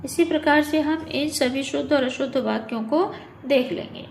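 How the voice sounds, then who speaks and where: A woman's voice: sits high, moderate pace, vocal fry, slight background noise. A woman teaching Hindi grammar in a methodical way, reading each sentence and then correcting it. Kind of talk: online exam-prep lesson.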